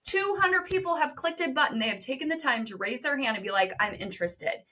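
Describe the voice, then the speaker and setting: A woman guest on a podcast interview, talking emphatically and directly to listeners, with quick bursts of speech. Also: sits high, expressive, pushed and bright. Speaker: podcast guest, business co-founder. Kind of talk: energetic interview talk.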